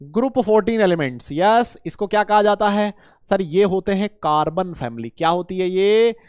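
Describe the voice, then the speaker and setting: A man teaching chemistry to students in a lively lecture, asking questions and answering them himself, with playful memory tricks. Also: sits high, moderate pace, smooth, dry recording, studio quality. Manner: voices imagined student questions.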